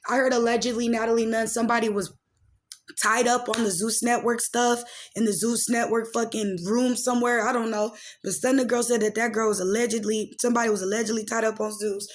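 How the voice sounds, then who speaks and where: With a fairly high voice and a flat delivery, a late-twenties woman chatters fairly quickly on her gossip and life-update podcast. Her commentary wanders loosely, full of slang and filler words.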